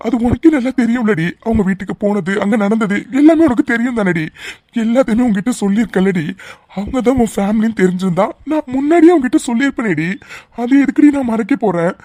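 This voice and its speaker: Guy voicing sorry cartoon friend and sad dad, mellow tone, dry. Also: extremely high pitch, dry recording. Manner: pleading, apologetic. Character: apologetic friend and grieving rich father. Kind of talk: cartoon voice acting.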